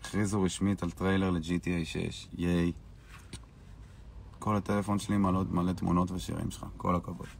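A man's voice: sits low, level tone, creaky, a little hiss or hum. A man hosting a live stream, casually answering viewers' questions in a brash, boastful and dismissive way.

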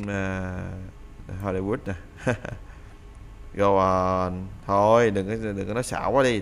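A man with a fairly low voice talks through English phrasal verbs in a relaxed, casual lesson. He reads the English examples out and repeats them several times as he explains in Vietnamese. A faint background hum sits under his voice. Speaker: English teacher.

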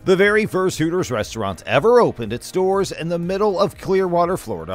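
Lively male documentary narrator. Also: medium pitch.

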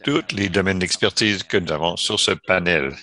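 A man giving live voice-over interpretation of a panel discussion, halting at times and correcting himself. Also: deep voice, pushed and bright. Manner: halting, with self-corrections and fillers.

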